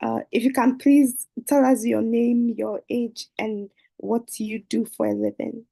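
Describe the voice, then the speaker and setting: A woman's voice: on the high side, level tone, measured pace, vocal fry, mellow, rough recording. A woman hosting an online dating show over a video call, speaking hesitantly with many fillers. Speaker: host.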